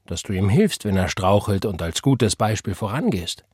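A man voicing a wry woman who teases gently. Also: lowish voice, animated, normal speed, breathy edge, no echo, clean studio sound. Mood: teasing. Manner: teasing, gentle. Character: wry middle-aged woman, gently teasing.

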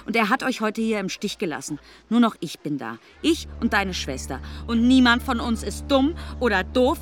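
A woman's voice: fairly high pitch, very animated, moderate pace, soft background music. An actress playing a worried single mother who is tense and easily rattled, in a radio drama. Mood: bitter.

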